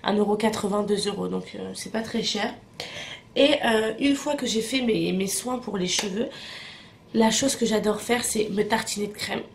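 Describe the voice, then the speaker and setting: A woman's voice: medium pitch, normal speed, vocal fry, slight background noise. A young woman from Morocco chatting casually through a beauty product review, full of fillers and repeated words. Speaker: beauty vlogger.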